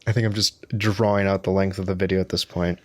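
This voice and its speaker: A man's voice: sits low, level tone, quick pace, no room sound. Tired man rambling to the camera. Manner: rambling and self-deprecating, with frequent restarts. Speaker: vlogger. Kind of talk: casual talk to camera.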